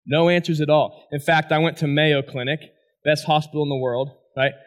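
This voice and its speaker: Male speaker, fairly high voice, animated storyteller checking in with the crowd, personal testimony talk. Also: brisk. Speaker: former college athlete giving a talk. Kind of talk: personal testimony speech to an audience.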